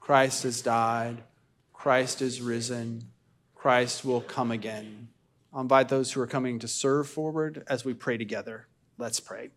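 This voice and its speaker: Male pastor, mid-range voice, solemn and measured, reading liturgy and preaching to a congregation with declamatory weight. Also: medium pitch, steady tone. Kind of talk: sermon and communion liturgy. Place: church service.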